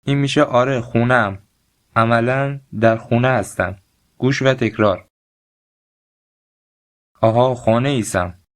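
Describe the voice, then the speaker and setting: Man slowly drilling language lesson phrases. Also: mid-range voice, steady tone. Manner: slow, deliberate drill phrases; explains grammar then prompts learners to repeat. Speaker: language teacher. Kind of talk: recorded language lesson with repeat-after-me drills.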